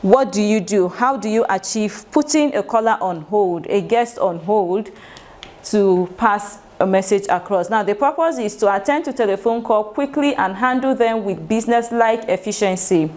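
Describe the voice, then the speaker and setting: A woman's voice: mid-range voice, normal speed, darkish tone. Nigerian woman giving staff training. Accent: Nigerian English. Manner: instructive, asks the room questions, acts out sample phone greetings. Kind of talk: workplace training lecture.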